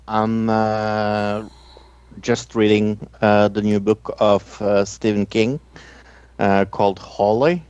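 A man co-hosting a casual podcast, talking with many fillers and pauses. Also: lowish voice, a little mellow, clean tone, no room sound. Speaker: podcast co-host. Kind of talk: casual chat. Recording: dull lo-fi sound.

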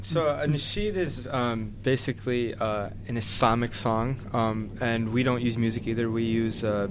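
A man's voice: mid-range voice, background noise. A man of twenty-two from the Chicago area, a student guest on a radio show, explaining things in a laid-back way full of fillers. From Chicago area, USA. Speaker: university student and a cappella singer, interview guest. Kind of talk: casual interview answers.

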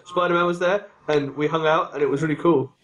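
A man co-hosting a podcast, chatting casually in a rambling, animated, self-mocking way. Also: a little high, brisk, slight background noise, poor audio. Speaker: podcast co-host. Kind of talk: casual chat.

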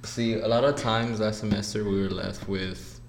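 Young male college student guest, laid-back and rambling, low and even-toned. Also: moderate pace, creaky, a little hiss or hum. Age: 20s. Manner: relaxed, rambling, laughs easily. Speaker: guest, college soccer player. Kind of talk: casual interview chat.

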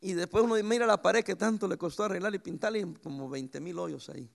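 Male pastor, high gravelly voice, very lively swings in pitch, preaching with homely stories. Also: a little fast. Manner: lively preaching with sudden pitch jumps and anecdotes. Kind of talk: sermon.

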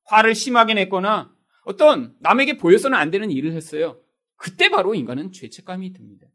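A male pastor delivers a sermon in a high voice. His pitch swings widely as he puts rhetorical questions to the congregation. He slips into quoted voices to act out everyday excuses. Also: animated, fairly quick, sharp tone.

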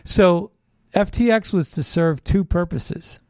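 This talk show host speaks in a high-pitched voice and takes his time, reading out his own posts and adding commentary in a conspiratorial monologue. He hammers points home by repeating phrases, captured in clean, echo-free studio sound.

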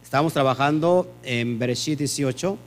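A man's voice: medium pitch, normal speed, faint music behind. A man teaches a Bible study group, firing questions at his listeners and answering them himself.

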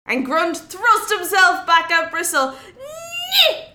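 A woman's voice: fairly high pitch, animated, slow pace, pushed and bright, roomy sound. A woman with an Irish accent telling a folk tale aloud, with playful asides to her listeners. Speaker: storyteller. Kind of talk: oral storytelling of a folk tale.

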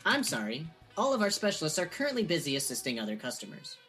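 A woman's voice: low voice, wildly swooping pitch, fast, fairly bright tone, faint music behind, heavily acted. A woman voicing a smug automated phone menu that reads out chirpy scripted announcements. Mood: cheery.

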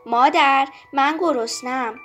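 A woman's voice: sits high, a bit bright, soft background music. A woman voicing an eager, hungry little girl who keeps asking questions in a children's story. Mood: impatient. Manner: pleading, insistent questions.

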